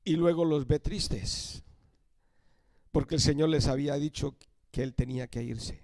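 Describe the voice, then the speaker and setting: An older man from Colombia preaching a sermon as a missionary, emphatic, slowing and dropping to a hush on key phrases. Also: a little high, no room sound.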